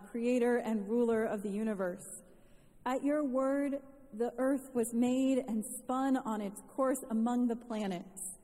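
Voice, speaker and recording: A woman pastor reciting a eucharistic prayer, slow, solemn and deliberate, her voice ringing with a long echo through a large church. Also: fairly high pitch, warm tone. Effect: long church hall echo. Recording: reverberant church sound, voice from a distance.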